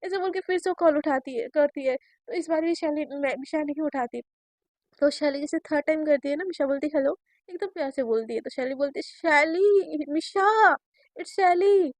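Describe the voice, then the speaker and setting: A woman's voice: high voice, fairly quick, dark tone, no room sound. A woman telling a romantic story in a chatty, casual way, speaking directly to her listeners.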